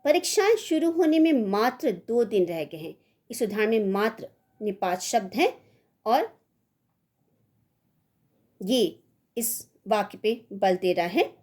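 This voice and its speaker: A woman's voice: medium pitch, sing-song, slow pace, pauses often, a little mellow. A woman teaching a Hindi grammar lesson to schoolchildren, reading rules and voicing example exclamations with expression. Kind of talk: slow scripted grammar lesson.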